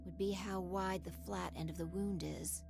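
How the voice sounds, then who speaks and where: A woman voicing a calm, composed young female investigator in a video game, speaking precisely and matter-of-factly. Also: lowish voice, moderate pace, gravelly, music in the background.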